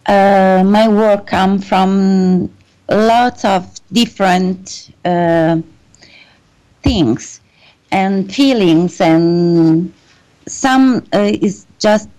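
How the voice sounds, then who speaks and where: A woman from Italy speaking English with an Italian accent in an interview, halting and hesitant with many fillers and frequent small laughs. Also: mid-range voice, mellow, low-quality recording. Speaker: guest fashion designer. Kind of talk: interview conversation.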